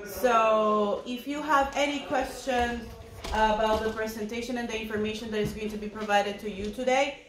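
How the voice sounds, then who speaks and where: A woman's voice: a little high, noisy background. A woman teacher introducing a guest speaker to a class, in a friendly, loose way. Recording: echoey classroom with chattering students.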